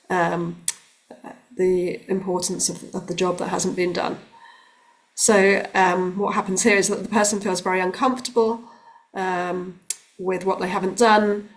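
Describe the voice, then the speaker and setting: A woman working as a relationships coach, giving calm, explanatory advice straight to the camera with the odd um. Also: lowish voice. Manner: calm, explanatory, with occasional ums. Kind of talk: direct-to-camera advice talk.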